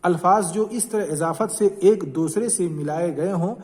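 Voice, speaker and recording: A man's voice: high-pitched, darkish tone, big-room sound. A man teaching a grammar lesson, explaining patiently and repeating each example as he points to the text. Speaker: Urdu teacher.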